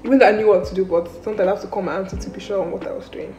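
With a medium-pitched, steady but dark voice, a young university student races through a rambling, informal vlog in her student flat's kitchen and rooms. The camera sits close, at arm's length or propped nearby, and the room echoes with background music.

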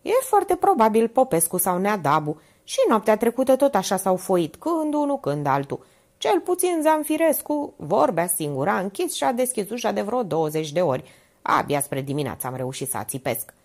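A woman voicing a frail, sickly young woman who speaks quietly, detached and resigned to dying. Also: medium pitch, big pitch swings, voice pushed up. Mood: weary.

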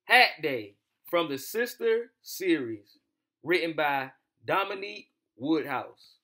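A young adult American man hosts a children's bedtime read-aloud show, chatting casually with the kids and reading a storybook in an informal, slangy, familiar way. His slightly high voice swings widely in pitch and sounds pushed and bright as he takes it slowly. He's in a small room at home, picked up by a distant camera mic, so the sound is echoey and roomy.

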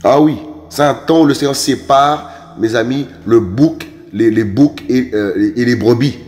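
A man preaching a sermon, emphatic and repetitive, often stammering through restarts and jumping to sharp high exclamations. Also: unhurried, faint music behind.

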